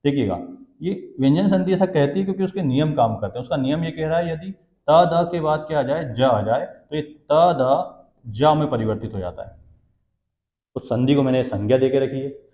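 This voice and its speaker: A man's voice: fairly high pitch, lively intonation, moderate pace. A man teaching Hindi grammar for exam prep, who asks questions and answers them himself and repeats the key terms. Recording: dull, echoey classroom sound.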